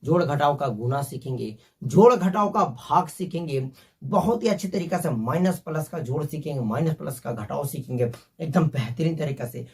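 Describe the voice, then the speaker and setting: A man's voice: fairly high pitch, expressive, moderate pace, recorded from a distance. Man teaching math, a bit off-mic. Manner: friendly, calls viewers "my friend"; works through sums step by step aloud. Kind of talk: classroom math lesson.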